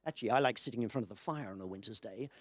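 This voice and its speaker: A man giving a conference lecture, reading passages aloud and breaking off with dry asides and quick self-corrections. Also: on the low side, dry recording. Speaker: conference speaker. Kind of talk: lecture talk reading chat output aloud.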